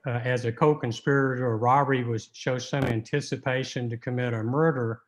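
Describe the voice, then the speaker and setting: Man, appellate lawyer, courtroom oral argument, medium pitch, halting and argumentative delivery. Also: fairly even intonation, low-quality recording. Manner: halting, argumentative, repeating words as he goes.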